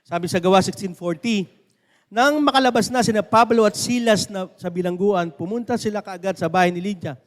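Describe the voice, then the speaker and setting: A Filipino pastor delivers a sermon to his congregation, pressing his points with swings between loud and soft and frequent questions to the listeners. His voice sits high for a man. The sound carries the long reverb of a large hall. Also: fairly quick. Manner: preaching with rising and falling emphasis, asking the congregation questions.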